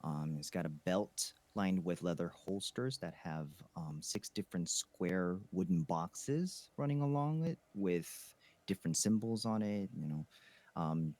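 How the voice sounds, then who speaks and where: A man playing a tabletop game, describing his character in casual chat with lots of ums and pauses. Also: low-pitched, a little mellow, dry recording. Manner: halting, many ums.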